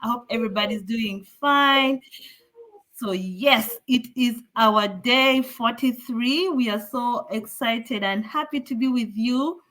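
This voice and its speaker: Woman from Uganda hosting a live online show, upbeat and welcoming, fairly high voice. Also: slow pace, fairly bright tone. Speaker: host.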